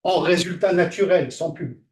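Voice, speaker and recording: At a moderate pace, this lecturer, high-voiced for a man, keeps his class talk conversational. Questions go out to the students, and filler sounds bridge his ideas.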